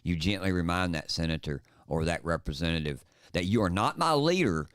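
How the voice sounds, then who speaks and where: Emphatic low-voiced podcast host. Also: male voice, animated, brisk, a bit bright, clean tone, no echo, studio quality. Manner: emphatic, impassioned ranting. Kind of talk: political talk podcast.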